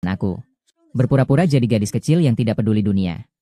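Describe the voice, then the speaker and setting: A cold, scornful young man from a drama, speaking low and cold. His tone is dark and warm rather than bright. The recording is dry and close, in the manner of studio dubbing. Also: animated, fast, no room sound. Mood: cold, accusing.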